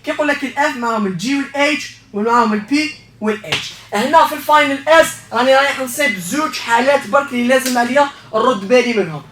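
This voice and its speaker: Algerian male teacher, quick and bright, reviewing for an exam; roomy sound with the mic some way off. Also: very high-pitched, recorded from a distance. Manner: explains step by step, asks "okay?" often. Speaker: English teacher. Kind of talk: exam revision lesson.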